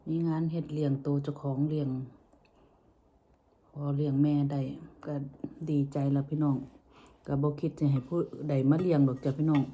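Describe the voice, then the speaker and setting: A woman with a low, mellow voice and a northeastern Thai Isan accent. She talks to her viewers in a casual, folksy way, often softening phrases with polite particles. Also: little pitch movement, normal speed, pauses often, muffled recording. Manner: folksy, addresses listeners with frequent soft polite particles. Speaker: vlogger. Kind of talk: casual chat to viewers while eating.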